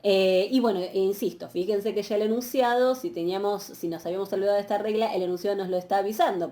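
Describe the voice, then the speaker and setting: A woman giving a patient, explanatory university lecture, often pausing on fillers and checking questions. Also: mid-range voice, a little mellow. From Argentina. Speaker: university Greek teacher. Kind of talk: recorded online lecture.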